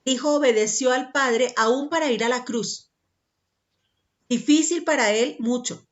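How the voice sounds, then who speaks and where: A woman's voice: sits high, measured pace, highs cut off. A woman preaching a sermon emphatically, repeating her points and checking in with the listener.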